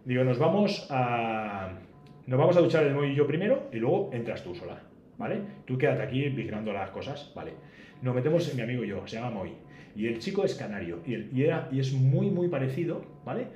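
A man tells travel stories at a quick clip, his voice swinging up and down as he acts out every exchange. The recording is roomy and echoey, with faint background noise. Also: mid-range voice, lo-fi sound. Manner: animated storyteller, acts out dialogue. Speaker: podcast guest. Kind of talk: casual travel storytelling.

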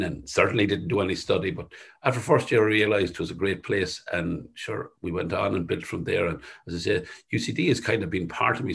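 Man, thick West of Ireland accent, gravelly, husky, conversational, halting, self-effacing interviewee. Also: low-pitched. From Sligo, west of Ireland. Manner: modest, halting, circles back to rephrase. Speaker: company chief executive being interviewed.

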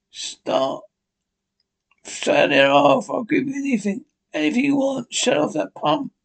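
A man's voice: on the high side, vocal fry, poor audio. A man playing a murderous old man in a horror radio play, with a menacing, theatrical delivery. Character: gloating murderous old man, panicking when trapped.

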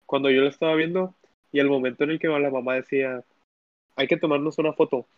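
A man's voice: medium pitch, steady tone, fast talker, no echo. A young man, co-hosting a casual podcast, rambling through long recaps with frequent restarts. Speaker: podcast co-host. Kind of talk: casual chat. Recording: dry, dull lo-fi sound.

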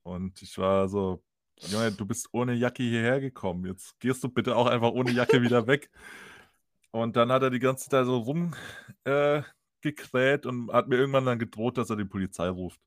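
German dude telling a wild story on a podcast, laughs a lot, dry close mic. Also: male voice, medium pitch, normal speed, no room sound. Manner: animated, laughs often, acts out quoted voices. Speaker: podcast host. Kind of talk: casual storytelling chat.

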